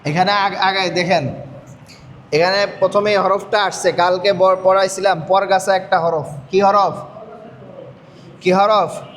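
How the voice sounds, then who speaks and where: A man's voice: high-pitched, fairly even intonation, measured pace, pauses often, a bit bright, a little hiss or hum. A man teaching Quran reading in a call-and-response lesson, with a patient manner, asking questions over and over. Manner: patient, drills by repeating questions.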